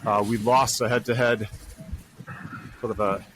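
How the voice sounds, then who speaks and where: A man co-hosting a casual podcast chat, dry and wry, quick to laugh. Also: lowish voice, fairly even intonation. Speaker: podcast co-host. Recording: noisy recording.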